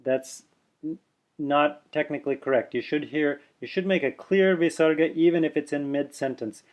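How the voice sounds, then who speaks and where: A man teaching Sanskrit pronunciation in a video lesson, explaining patiently and sounding out words slowly so his mouth can be seen. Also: on the high side. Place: indoors, on camera showing his mouth.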